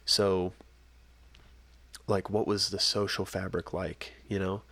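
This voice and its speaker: A young man co-hosting a casual podcast chat, animated and full of rhetorical questions, coughing now and then from a scratchy throat. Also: low voice, takes it slowly, creaky, no echo. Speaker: podcast co-host.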